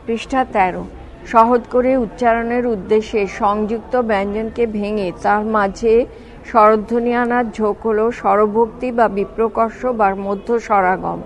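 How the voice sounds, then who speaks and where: A woman's voice: fairly high pitch, fairly even intonation, measured pace, poor audio. A woman reading a grammar textbook aloud for visually impaired students, carefully spelling out each word example. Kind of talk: slow textbook read-aloud.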